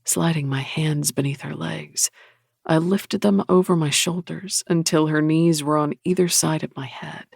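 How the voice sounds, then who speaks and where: Gravelly male audiobook narrator. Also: a little high, steady tone, unhurried, dry recording, clean studio sound. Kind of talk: first-person audiobook narration.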